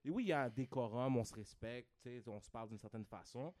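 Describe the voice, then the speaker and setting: A man's voice: mid-range voice, quick pace, a little mellow. A man with a Quebec French accent, chatting on a podcast as a guest, mixing English slang into his French and often asking "tu comprends?". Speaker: podcast guest, content creator. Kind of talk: casual podcast chat.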